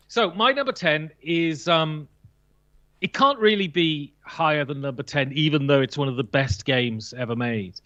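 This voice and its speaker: On a board game list show, a male guest offers casual, opinionated chat, stressing his points and sometimes joking. His voice sits a little high with a fairly bright tone, and the recording is dry yet slightly muffled.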